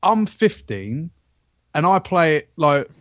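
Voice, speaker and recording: A man's voice: on the high side, big pitch swings, takes it slowly, a bit bright, dry recording, muffled recording. A man, co-hosting a casual podcast, teasing his friends bluntly and swearing freely. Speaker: podcast co-host. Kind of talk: casual banter.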